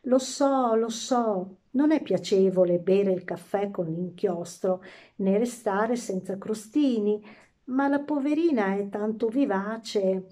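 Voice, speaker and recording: A woman's voice: mid-range voice, mellow, close to an everyday voice. Woman reading as a patient old king. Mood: patient, pleading. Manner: slow, patient, soothing. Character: indulgent, sighing old king father.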